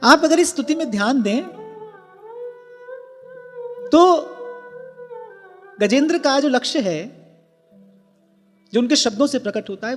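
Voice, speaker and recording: A man giving a devotional discourse, teaching earnestly and working through examples of which word carries the stress. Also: very high-pitched. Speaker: devotional preacher. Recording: reverberant hall with faint music.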